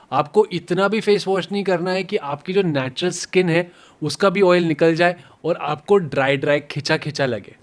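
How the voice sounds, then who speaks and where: A man dermatologist giving step-by-step skin care instructions, mixing in English medical terms. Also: on the high side. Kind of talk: medical explainer.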